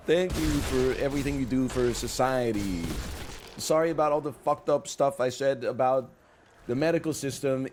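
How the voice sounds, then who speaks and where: A man's voice: high voice, slight background noise. A man in his thirties chatting casually on a live stream, telling rambling, self-mocking stories to his viewers.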